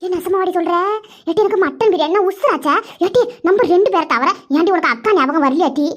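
A woman's voice: very high-pitched, fast. A woman voicing a gossipy, greedy young village woman, chattering and scolding. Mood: eager.

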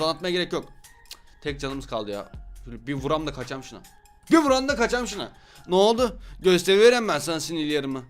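A young man with a high, bright voice calls his game as he plays it, loud and full of jokes, cursing at his rivals. Faint game music runs under his voice. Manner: loud, joking, swears at opponents. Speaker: gaming YouTuber. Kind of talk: excited gameplay commentary.

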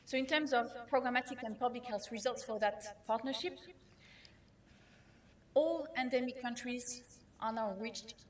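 Non-native English-speaking woman, keynote speaker, slightly high voice, measured with filler pauses. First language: not English. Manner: measured, with frequent fillers and restarts. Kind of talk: conference keynote talk.

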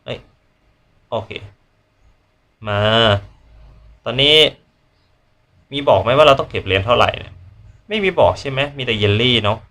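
A man chatting casually while live-streaming a game, politely greeting viewers and blurting quick repeated exclamations as he plays. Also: medium pitch, animated, bright, forceful tone. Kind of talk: casual live gameplay chat.

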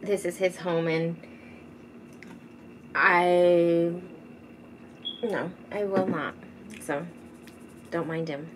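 At home, a beauty vlogger chats slowly over her makeup in a lowish, steady voice, rambling casually and often sinking to a soft murmur. A teenager games loudly in the background, and the recording has noticeable background noise.

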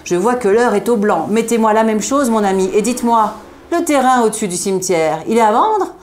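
A woman reading aloud, voicing a jovial chubby male undertaker with cheery, booming salesman patter. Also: lively intonation, fairly quick.

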